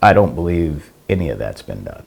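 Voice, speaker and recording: Deep-voiced American man in a news interview. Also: sing-song, a little fast, creaky, slightly rough. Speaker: state senator interviewee.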